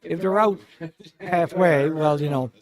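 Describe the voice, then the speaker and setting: A man's voice: fairly high pitch, unhurried, a crowd in the background. A man giving expert analysis on a curling match in an easygoing, explanatory way. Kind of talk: sports commentary.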